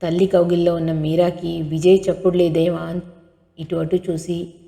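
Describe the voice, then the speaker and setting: A woman reading a novel aloud as an audiobook narrator, in steady expressive storytelling, with a long hall reverb. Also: on the low side, moderate pace, gravelly.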